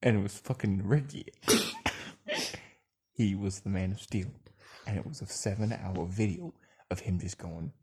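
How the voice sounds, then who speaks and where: A man's voice: sits low, a little slow, pauses often, a little mellow, a little hiss or hum. A man doing improvised crude comedy banter, rambling through absurd profane stories and often breaking into laughter.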